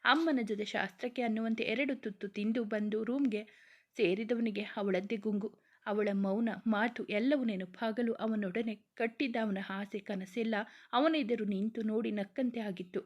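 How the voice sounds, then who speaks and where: A woman with a fairly high voice narrates a romantic story with steady expression. The recording is dull and lo-fi, with the highs muffled. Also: moderate pace. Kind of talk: reading a romantic story aloud.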